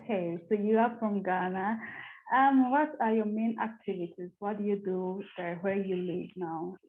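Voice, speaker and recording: A woman's voice: medium pitch, steady tone, moderate pace. A woman interviewer who asks simple questions and often repeats them. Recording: tinny phone-like line.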